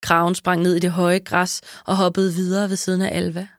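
A woman narrating a children's story in a lively, expressive way. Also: lowish voice, no room sound, clean studio sound. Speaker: audiobook narrator. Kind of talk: scripted narration.

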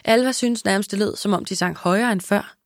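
A woman narrating a children's story in a lively, expressive way. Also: mid-range voice, dry recording, studio quality. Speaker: audiobook narrator. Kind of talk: scripted narration.

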